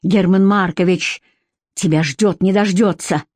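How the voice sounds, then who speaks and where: Woman voicing a jealous husband, mocking, contemptuous, slow, dry close sound. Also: high-pitched, steady tone, a little mellow, no room sound. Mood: scornful. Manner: mocking, contemptuous, bursts of anger. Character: jealous scornful husband, adult man.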